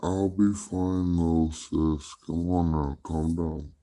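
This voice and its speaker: A man talking casually and offhandedly, brushing off concern, with his clip played back slowed down so it sounds deep and dragged. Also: steady tone, dark tone. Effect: slowed-down playback, deep and dragged. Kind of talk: casual chat.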